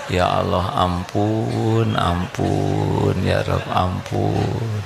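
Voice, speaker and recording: A man's voice: sits low, extremely slow, creaky, a crowd in the background. A man preaching a live sermon, joking and quizzing the congregation with questions. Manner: humorous, quizzes the audience. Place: live religious gathering.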